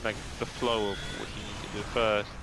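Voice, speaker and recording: A man's voice: fairly low pitch, flat delivery, a little fast. A man chatting casually with other players while playing an online game over a voice chat microphone. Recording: loud constant background noise.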